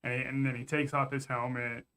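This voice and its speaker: A man's voice: mid-range voice, little pitch movement, normal speed, sharp tone, clear, resonant tone. A man co-hosting a fan review podcast in casual chat, earnest and given to stammered restarts. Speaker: podcast co-host.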